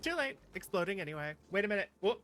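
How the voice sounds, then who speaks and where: Very animated and quick, her medium-pitched voice has a slightly bright edge. She's a woman streaming as a virtual YouTuber over background music, chatting playfully, teasing her viewers and reacting animatedly to what they write.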